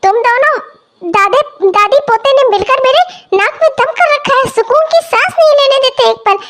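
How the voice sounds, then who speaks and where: A woman's voice: extremely high pitch, normal speed, a bit bright. A woman voicing a harsh, quarrelsome young stepmother in a cartoon who scolds everyone. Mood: scolding. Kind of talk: cartoon voice acting.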